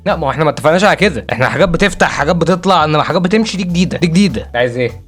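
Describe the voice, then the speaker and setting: A young Egyptian-accented man commenting on his own gameplay at breakneck speed, piling up repeated words and sudden outcries. His voice sits a bit on the high side, with faint music playing underneath. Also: breathy edge. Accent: Egyptian Arabic. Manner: excitable, rapid, repeats phrases and cries out. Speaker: gaming video host. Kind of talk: let's-play commentary.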